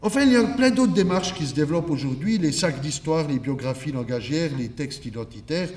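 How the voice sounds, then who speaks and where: The speaker, a Swiss academic giving a keynote at a conference, lectures in a didactic, emphatic manner peppered with rhetorical asides. His voice is a little high, animated, slightly fast and a little mellow, heard from a distant microphone in an echoey room.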